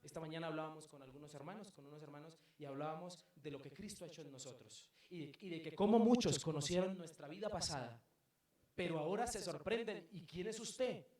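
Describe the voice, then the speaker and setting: A man's voice: a little high, brisk. Colombian man, pastor, emphatic sermon delivery with rhetorical questions; very reverberant church hall, distant mic. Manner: emphatic preaching with rhetorical questions, swinging between loud and soft. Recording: very echoey room, mic at a distance.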